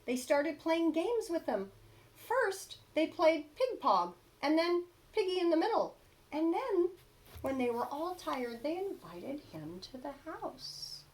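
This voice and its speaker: Reading a children's storybook aloud, a woman uses a fairly high, very lively voice full of emphatic stresses and dramatic pauses. The audio quality is poor.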